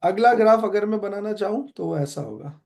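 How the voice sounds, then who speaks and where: A man's voice: high-pitched, expressive, moderate pace, vocal fry, darkish tone. A young adult man with an Indian accent teaching a physics class, quizzing students as he goes and mixing Hindi with English. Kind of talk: online class lecture.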